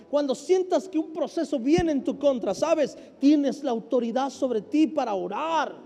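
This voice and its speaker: A man preaching a sermon as pastor, emphatic, swinging between loud and hushed. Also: very high-pitched. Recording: hall reverb with faint music.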